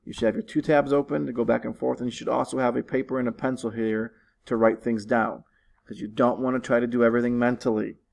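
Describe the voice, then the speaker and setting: A man's voice: mid-range voice, level tone, fast, creaky, a little mellow, low-quality recording. A man teaching his students from his living room, walking them through test questions patiently and repeating instructions. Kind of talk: recorded online lesson walkthrough.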